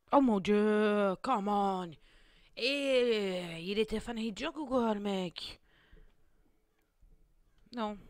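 A woman's voice: medium pitch, dry recording, studio quality. A young woman giving let's play commentary with lots of exclamations, jokes and laughter. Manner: expressive, exclaiming, jokey, laughs often. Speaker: gaming video creator.

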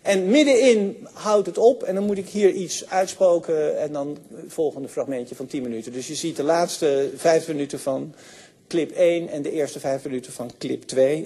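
An older man giving a university lecture, enthusiastic, often pausing with fillers and restarting his sentences. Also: fairly high pitch, dark tone, slightly rough. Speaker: sociology lecturer.

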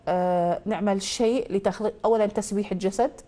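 A woman's voice: mid-range voice, steady tone, fast talker, mellow. A woman with an Iraqi accent hosting a call-in astrology show. She quizzes a caller with probing questions, then gives confident pronouncements over a studio mic. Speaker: astrologer host.

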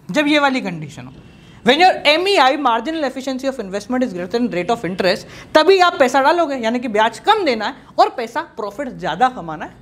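A lively male teacher with a bouncy, very high-pitched voice gives an energetic exam-prep lecture in a mix of Hindi and English. Playful and animated, he gestures as he talks and repeats key terms, standing in a studio before a projected slide screen.

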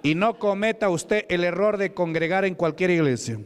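High-voiced shouting preacher man. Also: normal speed, clean tone. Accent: Peruvian Spanish. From Peru. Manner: shouted commands and chanted repetitions. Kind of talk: fervent deliverance preaching. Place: church service.

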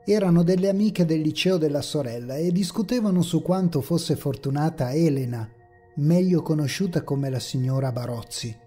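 Guy reading a creepy horror story, husky and mellow, slow ominous telling, faint dark music behind. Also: a little high. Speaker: narrator. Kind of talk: scripted horror narration. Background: faint dark ambient music.

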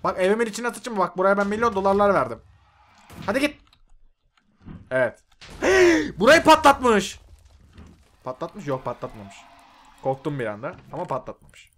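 A young man giving loud, excitable gameplay commentary, swearing and yelling at the mobs on screen. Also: sits high, fairly quick, pauses often, a little hiss or hum. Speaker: gaming YouTuber. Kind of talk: Minecraft mod review commentary.

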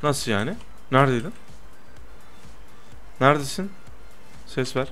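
A young man doing lively gameplay commentary, teasing his friend and protesting loudly to his viewers. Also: mid-range voice, measured pace, music in the background. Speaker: gaming YouTuber.

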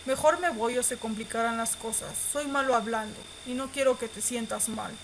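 A woman's voice: on the high side, moderate pace, background noise. A woman reads a romance visual novel aloud and reacts with squeals and laughs. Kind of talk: reading game text aloud with live reactions.

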